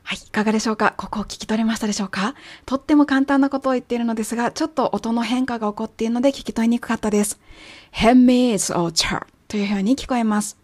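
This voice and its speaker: A woman's voice: a little high, a little mellow, dry recording. Patient Japanese-speaking woman teaching English. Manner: clear, patient explaining, careful slow English examples. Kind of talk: language lesson narration.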